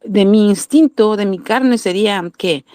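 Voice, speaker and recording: A woman's voice: medium pitch, measured pace, mellow, smooth, dry recording, studio quality. A woman with a Mexican Spanish accent giving a sermon-style Bible lesson, earnest, asking questions and answering them herself. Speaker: Bible teacher.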